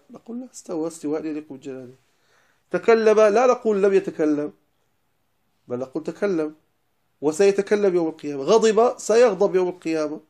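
A man teaching as a religious lecturer, explaining lines of a poem and stressing key words before dropping into quiet asides. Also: a little high. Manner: emphatic, stresses single words then drops to quiet asides.

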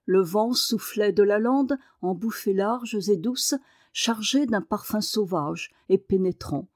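Woman, audiobook narrator, dark mellow voice, dry close sound, measured expressive reading. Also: medium pitch, no echo. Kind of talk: reading a novel aloud.

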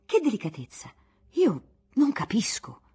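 An exasperated middle-aged man , read by a woman, rages and shouts, his voice climbing high and husky. He is an indignant politician who feels betrayed, in a classic novel read on radio. The delivery swings widely in pitch. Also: huge pitch swings, measured pace, full character voice. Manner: shouting, outraged.

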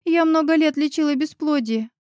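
A woman's voice: sits high, moderate pace, a little mellow, no echo, clean studio sound, pitched above the performer's own voice, lightly acted. A woman voicing a tearful heartbroken friend. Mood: bitter. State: sobbing.

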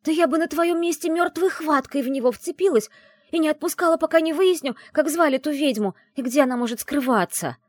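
A woman reading an audiobook and voicing a brash, teasing young woman who is the heroine's best friend, talking in a loud, mocking, bossy way. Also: medium pitch, sing-song, a little fast, no room sound, clean studio sound, pitched above the performer's own voice, lightly acted.

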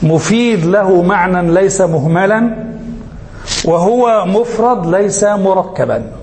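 A sheikh with a high voice gives a grammar lesson in a lingering, reverberant hall. He speaks slowly and deliberately and repeats key terms. He often stops on a question and lets his students finish the word. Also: expressive, a little mellow. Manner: asks questions and lets listeners finish them. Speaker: sheikh teaching Arabic grammar. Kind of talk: classroom lecture.

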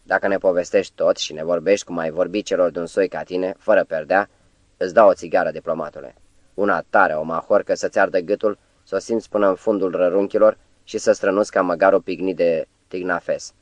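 A man voicing a stocky, gruff prisoner who talks in a bossy, threatening way. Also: deep voice, steady tone, no echo, natural voice. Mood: mocking.

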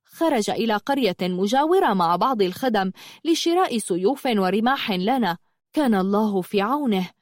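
A woman voicing a brooding, pious young male knight in an audiobook, with a flat, monotone delivery. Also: medium pitch, no room sound, clean studio sound, lightly acted. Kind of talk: audiobook character reading.

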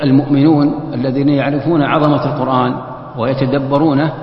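A man teaching Quran exegesis, explaining verses slowly with repeated phrases and rhetorical questions, sometimes chanting a verse. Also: mid-range voice. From Saudi Arabia. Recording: dull echoey hall recording.

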